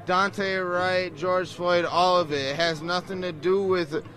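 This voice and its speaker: A man's voice: sits high, steady tone, unhurried, a bit bright. A man protester in a street interview, choked up, speaking earnestly and emotionally outdoors.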